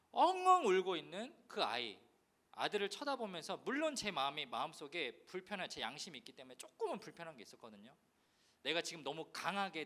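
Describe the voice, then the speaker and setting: A man's voice: a little high, pushed and bright. A male pastor giving a sermon, telling a candid personal story in a confessional tone and acting out the voices in it. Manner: acts out scolding voices in his story.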